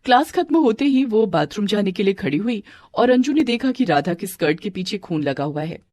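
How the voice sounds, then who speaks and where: Woman narrator, scripted storybook narration, steady, clear, mid pitch, dry sound. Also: a little fast, no room sound.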